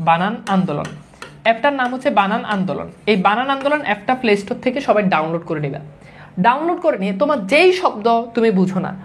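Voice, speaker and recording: A woman teaching grammar, rattling through corrections at speed. Her voice sits fairly high, and she repeats each wrong and right form like a classroom drill. English words slip into her lecture now and then. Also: a little hiss or hum. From Bangladesh. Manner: brisk and repetitive, drilling wrong and right forms; mixes English words into speech. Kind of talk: classroom-style lecture to exam students.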